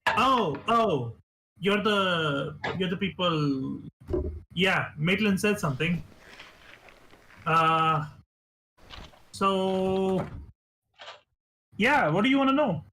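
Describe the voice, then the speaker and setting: A rambling, flustered old dwarf lady, put on by a man running a tabletop game. She talks a little high and lively, close to his own voice. Faint hiss sits behind the voice chat. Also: very slow, pauses often, heavily acted, low-quality recording. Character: flustered elderly female dwarf householder.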